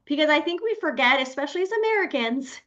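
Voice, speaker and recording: Brief: woman podcast host, higher voice, encouraging and affirming, a bit muffled lo-fi sound. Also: lively intonation, quick pace, fairly bright tone. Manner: encouraging, affirming back-channels. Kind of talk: casual interview.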